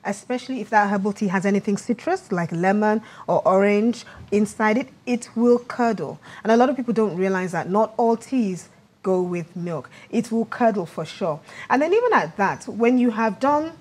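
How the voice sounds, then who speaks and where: A woman's voice: mid-range voice, expressive, moderate pace, darkish tone. Woman etiquette coach giving instructive advice. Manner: instructive, advising in dos and don'ts. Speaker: etiquette coach, guest expert. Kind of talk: conversational TV lifestyle demonstration.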